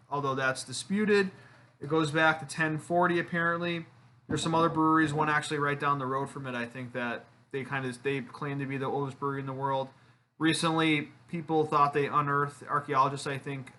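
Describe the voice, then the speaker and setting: Bright-voiced casual male beer reviewer. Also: on the high side. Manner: chatty, self-deprecating, with fillers. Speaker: beer reviewer, channel host.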